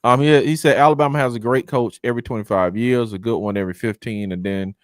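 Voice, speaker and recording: A man's voice: mid-range voice, fairly even intonation, fast talker, dry recording, studio quality. A man co-hosting a casual sports debate in an informal, conversational manner. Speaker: sports show co-host.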